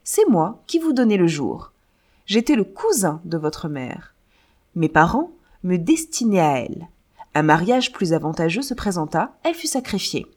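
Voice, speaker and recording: A woman's voice: lowish voice, very animated, normal speed, a little mellow. A woman voicing an impoverished older man who insists he is the listener's father, in a read-aloud novel. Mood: confessional.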